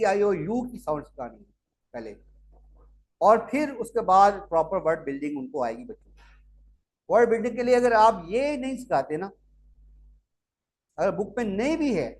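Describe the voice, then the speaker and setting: High-voiced man lecturing teachers. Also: a little hiss or hum. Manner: explanatory, repeats steps, corrects himself with "sorry". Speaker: teacher trainer.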